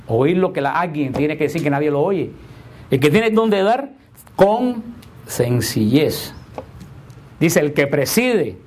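A male preacher gives a homily to his congregation in a slightly higher-than-usual voice. He leans on repeated rhetorical questions, slowing to stress key words and then rushing through asides. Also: big pitch swings, a little mellow. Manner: emphatic, repeats rhetorical questions, shifts between slow stress and quick asides.

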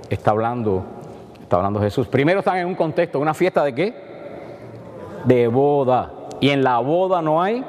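A man preaching a sermon in an animated way, acting out the dialogue with rising and falling tones. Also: medium pitch, big-room sound.

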